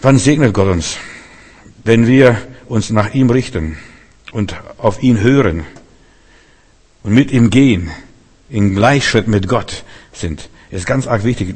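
A man's voice: on the low side, a little mellow, husky. A man preaching a sermon who tells the stories vividly, acts out the dialogue of the figures himself and repeats key phrases for emphasis. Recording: long hall reverb.

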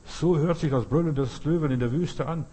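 A man's voice: a little high, brisk, mellow, slight background noise. A man preaching a sermon, talking straight to his listener in short, emphatic, repeated phrases. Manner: earnest, direct address to listener.

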